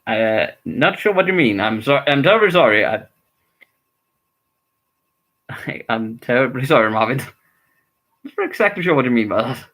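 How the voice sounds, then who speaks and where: A man's voice: medium pitch, big pitch swings, moderate pace, long pauses, a bit bright, rough recording. A man from Denmark, giving casual, rambling live reaction commentary on a hockey game and grumbling about his team's play. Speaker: streamer.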